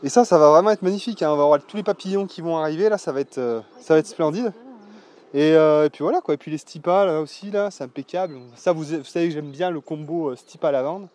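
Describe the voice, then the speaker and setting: Man, vlogger, voice a touch high, loose and salty delivery full of fillers, recorded outdoors on windscreened mic. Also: quick pace, darkish tone. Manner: loose, salty speech with many fillers and swearing. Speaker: vlogger showing his land. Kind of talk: casual walk-and-talk vlog. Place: outdoors on rural land. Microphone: mic with foam windscreen.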